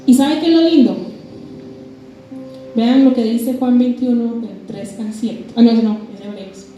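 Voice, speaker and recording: A woman's voice: on the high side, a little slow. A woman preaching a sermon, passionately acting out the dialogue of the scripture story. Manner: impassioned, acts out dialogue between biblical figures. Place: church. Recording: echoey church hall with music. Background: soft music.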